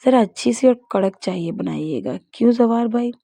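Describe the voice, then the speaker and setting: A mischievous young man, read by a woman narrator who loves stirring up trouble. The voice is mellow and slightly gravelly, with a playful, scheming lilt. It sounds dry and close, like a storybook read at home. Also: fairly high pitch, lively intonation, no echo. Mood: teasing. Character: teasing mischievous young man, a prankster cousin.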